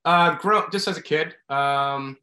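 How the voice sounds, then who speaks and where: A man's voice: fairly high pitch, unhurried, sharp tone. A man chatting casually and conversationally as a guest on a talk show. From upstate New York. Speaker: guest, former hockey player. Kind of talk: casual chat. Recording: echoey, roomy sound.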